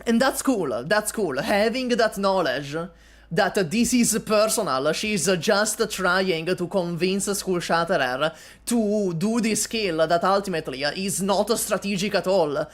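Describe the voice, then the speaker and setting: A woman chats casually about a game story she is reading, with a lively, swinging pitch. She talks at a slow, easy pace and laughs often. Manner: animated, chatty, laughs often. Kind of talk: casual commentary.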